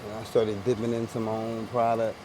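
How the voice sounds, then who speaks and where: This interviewee, a Philadelphia man in his forties, talks on a busy street amid passersby and background noise. His voice is on the low side with little pitch movement and a fairly quick pace, and his casual street slang is full of repetition and restarts.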